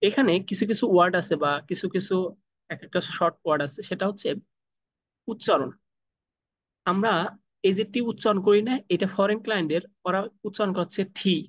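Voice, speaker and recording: Over a video call, a Bangladeshi-accented man whose voice sits high leads a spoken English lesson, slowly drilling pronunciation sound by sound. There's no room sound on the recording.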